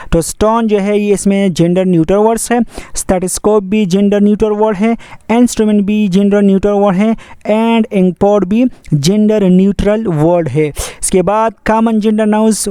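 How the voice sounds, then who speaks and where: A man's voice: high voice, dark tone, smooth, no room sound, studio quality. A man teaching English grammar, explaining rules step by step in a repetitive, methodical way. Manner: repetitive, methodical, mixes English terms into Hindi-Urdu.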